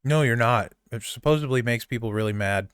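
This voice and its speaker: A man's voice: mid-range voice, brisk, a bit bright, smooth, no room sound, clean studio sound. A man hosting a casual podcast chat, talking in an easygoing, enthusiastic way. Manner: chatty, gushes over candy while chewing. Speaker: podcast host.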